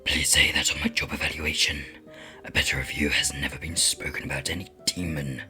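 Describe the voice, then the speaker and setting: A woman voicing an ancient, gloomy male demon in a video game, scornful and pompous, in a breathy rasping whisper. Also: extremely low pitch, steady tone, music in the background, voice pushed down. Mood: smug. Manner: pompous, slow, disdainful.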